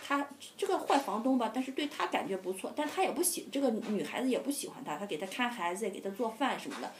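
A young adult woman vlogger telling a casual, animated and indignant story about a bad landlord. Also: a little high, quick pace, slight background noise.

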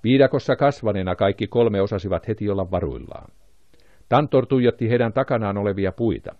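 A man's voice: lowish voice, animated, dry recording, narrow, tinny audio. A man reading an audiobook aloud, lifting his voice for the characters' lines. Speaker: audiobook narrator. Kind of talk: audiobook narration.

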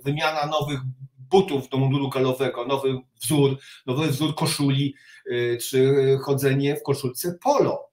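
A middle-aged man, a reserve army officer, gives an interview on a video call from his home study, where bookshelves surround him and he sits well back from the webcam, so the audio is roomy and echoing. In a mid-range, fairly evenly inflected and slightly mellow voice, he offers blunt, halting commentary with repeated words.

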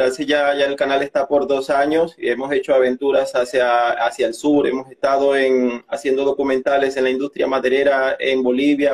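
A young man with a Venezuelan accent giving his testimony as a migrant and content creator in an interview, talking haltingly with many restarts. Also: medium pitch, rough recording. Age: young adult.

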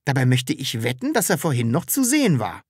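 A woman's voice: a bass voice, very animated, brisk, darkish tone, husky, no room sound, studio quality, heavily acted. A woman voicing a timid, earnest grown man in an audiobook, talking in a way that is easily flustered. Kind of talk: audiobook character reading.

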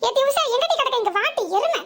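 A woman voicing a sharp-tongued young village wife in a comic cartoon, with a southern Tamil village accent and a scolding, sarcastic manner. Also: extremely high pitch, lively intonation, fast, noisy background. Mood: grumbling. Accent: southern Tamil village dialect. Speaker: cartoon character.

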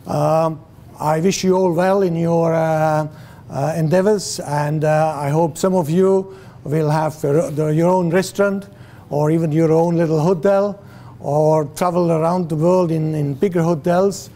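In an indoor classroom with a screen, a man in his sixties from Switzerland delivers a guest lecture, gesturing, questioning the students, and stumbling through many fillers and restarts. His mellow voice is fairly high, with fairly even intonation and a slightly slow pace. He is recorded from a far camera with no mic in sight.

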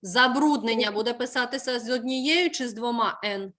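A woman teaching a school lesson, giving brisk instructions and slowly spelling out words for the class. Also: fairly high pitch, bright, forceful tone.

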